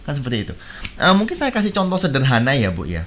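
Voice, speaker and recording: Lively man telling stories. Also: mid-range voice, fast, slight background noise. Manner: animated storytelling with many fillers. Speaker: guest speaker. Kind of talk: radio talk show chat. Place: radio studio.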